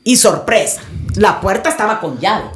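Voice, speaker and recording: A woman's voice: medium pitch, animated, normal speed, roomy sound, a loud crowd. A woman guest on a podcast recounting a personal experience in vivid, dramatic storytelling.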